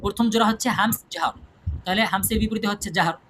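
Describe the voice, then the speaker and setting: A man teaches an online tajweed class. He drills lists of terms through repetition and keeps asking his students questions. Clear background noise sits under his voice on the call. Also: sits high, racing, a bit bright. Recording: noisy online class audio.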